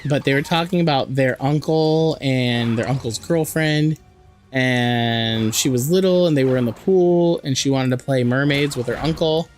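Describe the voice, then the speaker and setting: Hoarse man chatting on a game stream. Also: medium pitch, moderate pace, darkish tone, faint music behind. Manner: chatty, joking, reads and answers chat. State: hoarse from a sore throat. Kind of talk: casual live-stream chat while playing.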